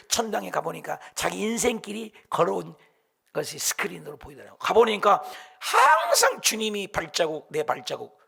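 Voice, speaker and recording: A man's voice: high voice, creaky, pushed and bright, husky. A middle-aged man preaching a sermon as pastor, impassioned and dramatic, firing rhetorical questions at the congregation.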